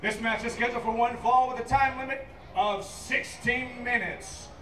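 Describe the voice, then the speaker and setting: A man doing lucha libre style ring announcing, booming out theatrical introductions and stretching out the names over a PA. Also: steady tone, normal speed, bright, forceful tone, slight background noise. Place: live wrestling event. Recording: distant echoey PA over music and crowd.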